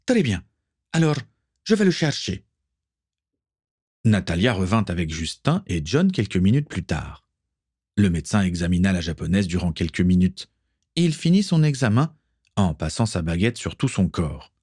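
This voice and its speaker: A man narrating an adventure novel aloud in an expressive storytelling manner. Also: low voice, moderate pace, slightly rough, no echo, clean studio sound.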